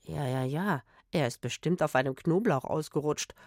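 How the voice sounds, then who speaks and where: A woman voicing a cheeky, quick-witted boy musician in a children's audio story, hasty with jokes and mumbled asides. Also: medium pitch, lively intonation, dry recording, clean studio sound. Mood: muttering.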